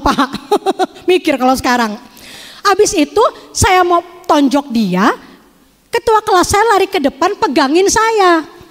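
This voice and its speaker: A woman gives a lively, joking testimony to an audience, speaking to them directly. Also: very high voice. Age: 50s. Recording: long hall reverb.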